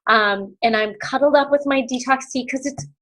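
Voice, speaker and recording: A woman's voice: high-pitched, normal speed, sharp tone, rough recording. A woman in her forties from the United States, a guest speaker on a sales team call, talking in a bubbly, effusive way with many fillers. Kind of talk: casual motivational talk. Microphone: call audio.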